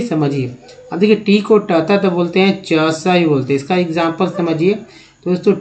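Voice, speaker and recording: A man's voice: a little high, a little mellow. A man teaching English spelling and pronunciation in a spoken lesson, explaining step by step and putting questions to the viewer. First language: Hindi.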